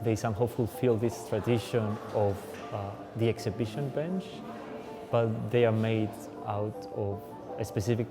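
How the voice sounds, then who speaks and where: A man speaking reflectively and hesitantly in a documentary interview, with many pauses and fillers. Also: mid-range voice. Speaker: artist. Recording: clear music underneath.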